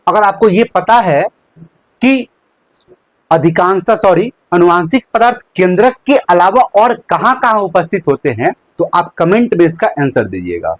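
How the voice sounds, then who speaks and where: A young male teacher gives a live online lesson. His voice sits high and swings widely up and down. He poses questions, answers them himself, and repeats each key term, all in a dry, close room. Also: lively intonation, normal speed, no echo. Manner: uses a handkerchief as a prop.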